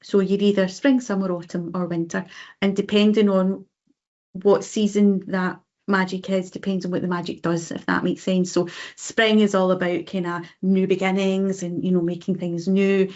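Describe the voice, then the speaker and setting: Scottish woman, podcast co-host, mid pitch, chatty with plenty of ums; slightly muffled recording. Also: flat delivery, moderate pace, darkish tone. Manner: chatty, frequent ums and uh-huhs. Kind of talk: casual book chat.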